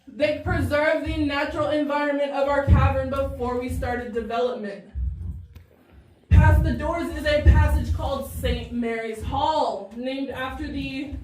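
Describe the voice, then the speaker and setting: Inside a hard-walled underground cavern full of echo, a female tour guide talks to her group a little slowly. Her voice sits high yet has a darkish tone, and it stays steady. The recording comes from a distant mic, with cave reverberation and faint noise.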